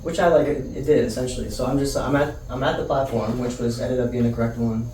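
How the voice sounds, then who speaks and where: Fast-talking young man, mellow and slangy. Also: mid-range voice, fairly even intonation, a little hiss or hum. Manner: laid-back, slangy, full of "bro" and "like". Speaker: podcast co-host telling a travel story. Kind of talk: casual chat. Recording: echoey room, distant mic, faint ambience.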